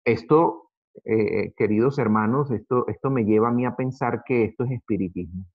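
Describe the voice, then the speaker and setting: A man teaching an Adventist Bible study in an earnest way, addressing his listeners as brothers and slowing down to read verses aloud. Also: mid-range voice, breathy edge. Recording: dull lo-fi recording.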